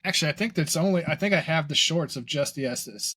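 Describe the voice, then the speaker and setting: A man co-hosting a casual podcast chat, agreeable and trailing off quietly at the ends of thoughts. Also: a little high, expressive, fast, slightly rough, no echo. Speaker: podcast co-host.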